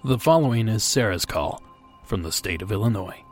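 A man with a fairly low voice hosts a podcast. He speaks in a measured, conversational way from a script, with faint music underneath. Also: expressive. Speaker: podcast host.

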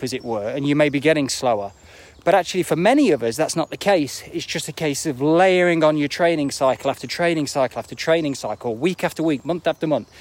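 On a dry recording, a man in his forties with a slightly high voice offers casual, reflective motivation as a running coach during a live video. He keeps checking in with rhetorical questions as he heads uphill outdoors near an airport.

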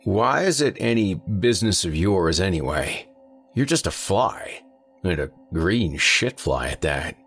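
A man doing a gruff, weary working man. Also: sits low, expressive, measured pace, fairly bright tone, soft background music, exaggerated voice. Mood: grumbling. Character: gruff weary man, ex-Marine postal worker.

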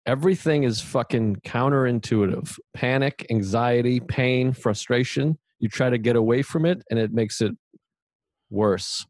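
A man hosting a casual podcast, talking in a relaxed, reflective way and swearing now and then. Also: mid-range voice, unhurried, no echo. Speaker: podcast host.

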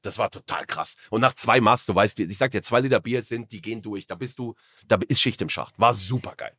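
A man's voice: on the low side, a little fast, dry recording, clean studio sound. A young man hosting a casual podcast chat, joking and tripping over a guest's name. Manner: animated, joking, stumbles over names. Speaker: podcast host.

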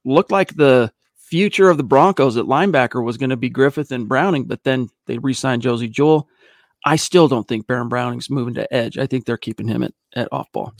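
A man's voice: medium pitch, fairly quick, no echo, clean studio sound. A man hosting a sports podcast, talking casually and energetically with some fillers. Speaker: podcast host.

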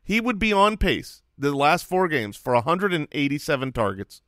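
A man co-hosting a fantasy football podcast, teasing his partner in animated back-and-forth. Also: on the high side, normal speed, no echo, studio quality. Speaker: podcast co-host. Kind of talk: casual sports chat.

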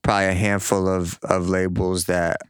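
Smooth, lowish-voiced man hosting casual music chat. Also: level tone, normal speed, no room sound, clean studio sound. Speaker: music show host.

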